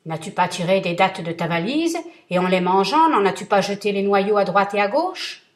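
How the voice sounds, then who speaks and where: A woman voicing a huge, ancient male genie, loud, menacing and relentless in his vengeance. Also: medium pitch, lively intonation, moderate pace, close to an everyday voice.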